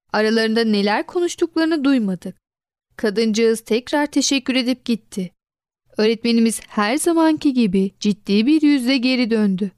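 A woman narrating a children's storybook in an expressive reading voice, giving quoted lines a lively lift. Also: a little high, smooth, no echo, studio quality.

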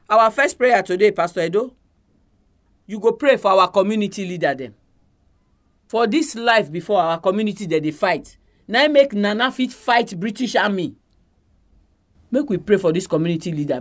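High-voiced Nigerian man leading prayer in Pidgin. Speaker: prayer meeting leader.

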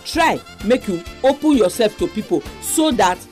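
A woman's voice: medium pitch, expressive, normal speed, a little mellow, faint music behind. A woman with a Nigerian accent, hosting a religious radio program and addressing listeners with exhortations and announcements.

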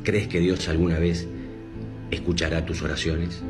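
A man reading a story aloud, voicing a kind male doctor who speaks gently. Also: low voice, flat delivery, normal speed, music in the background, lightly acted. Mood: gentle. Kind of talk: scripted narration.

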